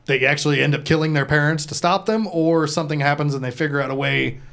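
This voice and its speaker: A man's voice: fairly high pitch, fairly even intonation, fast talker, vocal fry, fairly bright tone. A man hosting a livestream with casual, joking, profane banter. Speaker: show host.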